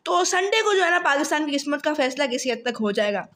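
A man, hosting a casual explainer to camera in a chatty, excitable way, thinking aloud with fillers. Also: very high-pitched, quick pace. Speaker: cricket explainer host.

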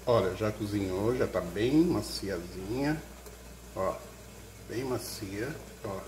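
A man on the low side narrates a casual cooking vlog from his home kitchen, the husband of the channel host, speaking animatedly and slowly into a camera above the counter. He walks through each step in homely talk full of diminutives. The kitchen is echoey with loud clattering dishes, plus a little hiss or hum.

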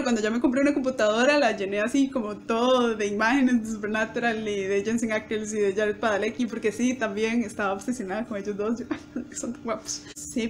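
Chatty high-voiced young woman. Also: slight background noise. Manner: chatty, acts out quoted lines with bursts of laughter. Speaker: YouTuber. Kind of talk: casual storytelling to camera.

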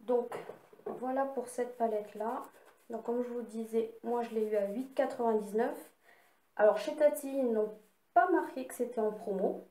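In an echoey room, a woman with a fairly high but dark-toned voice swatches eyeshadow palettes from her recent haul at a moderate pace. Her casual beauty-vlog chat includes little apologetic asides.

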